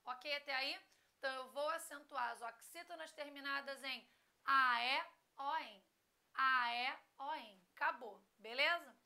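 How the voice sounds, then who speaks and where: A woman's voice: high-pitched, unhurried, sharp tone. A woman teacher giving a recorded grammar lesson, spelling out word endings letter by letter and checking in often with short questions.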